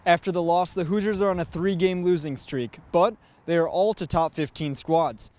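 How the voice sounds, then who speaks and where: This high, slightly mellow male voice moves at a moderate pace. He's an American in his twenties doing student sports reporting, reading highlights and calling play-by-play.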